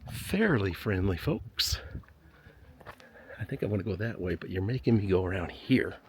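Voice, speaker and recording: Hiking a desert canyon trail, a man vlogs in a low, expressive voice at normal speed, with slight background noise. He narrates casually and talks to himself, chatty and self-deprecating, joking around and sighing now and then from the climb.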